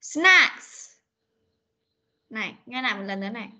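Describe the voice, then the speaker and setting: A woman's voice: on the high side, lively intonation, normal speed, sharp tone. A woman teaching an online class on a video call, coaxing pupils and repeating words for them to echo. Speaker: English teacher. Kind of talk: online class pronunciation drill. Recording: dull lo-fi meeting recording.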